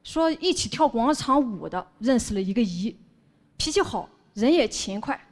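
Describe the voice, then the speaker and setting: A woman doing a stand-up comedy set on stage, telling family stories in a wry, deadpan way. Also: on the high side, normal speed. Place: stage before a live audience.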